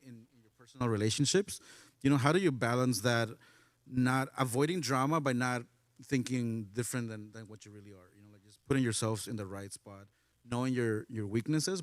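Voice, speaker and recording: A man's voice: mid-range voice, no room sound. Playful young man hosting a chat. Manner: playful, asks questions, rambling. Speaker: panel host. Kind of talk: casual panel chat.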